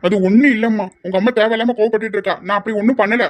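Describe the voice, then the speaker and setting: Woman doing a sad old grandpa, talks quick and soft, all apologies, mid-range voice. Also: mid-range voice, fairly even intonation, lightly acted. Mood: defensive. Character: remorseful elderly grandfather, meek and tearful. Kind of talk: homemade family skit acting.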